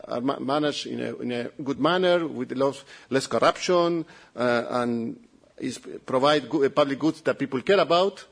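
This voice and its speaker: A man's voice: mid-range voice, normal speed, gravelly, husky. A man with an Italian accent presenting a report to an audience, often repeating words and restarting.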